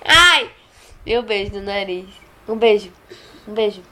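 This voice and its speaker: A woman's voice: medium pitch, flat delivery, normal speed, darkish tone. A young mother coaxing her toddler in sing-song baby talk, repeating simple words over and over.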